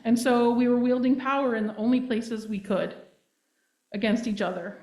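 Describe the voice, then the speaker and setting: A woman's voice: fairly high pitch, fairly even intonation, normal speed, a little mellow. Earnest woman preaching in echoey room. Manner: earnest, emphatic, asks the congregation "right?". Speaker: guest minister. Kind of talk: sermon. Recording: roomy echo.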